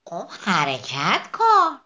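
A woman voicing a kind, beautiful bird who speaks in a gentle, encouraging way. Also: fairly low pitch, huge pitch swings, exaggerated voice.

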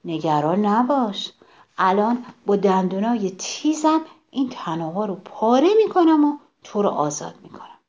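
A patient turtle friend from a children's story, played by a woman. It speaks kindly and reassuringly. The voice moves lively up and down. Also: mid-range voice, dull audio, close to an everyday voice. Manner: kind and reassuring.

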